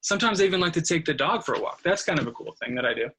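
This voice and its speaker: A man in his thirties, a history teacher, answering interview questions in a relaxed, friendly storytelling way. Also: a little high, very fast, breathy edge, low-quality recording.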